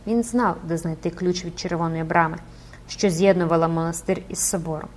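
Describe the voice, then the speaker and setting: A woman's voice: fairly low pitch, fairly even intonation, fairly quick, slight background noise. A woman narrating an audiobook dramatically and expressively, rising with the action.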